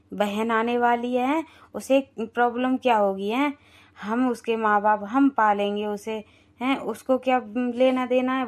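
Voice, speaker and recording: A woman's voice: fairly high pitch, close to an everyday voice. A woman voicing a shameless, cheerful aging village husband in a cartoon. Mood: defiant. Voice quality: reassuring, unbothered. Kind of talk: cartoon dialogue.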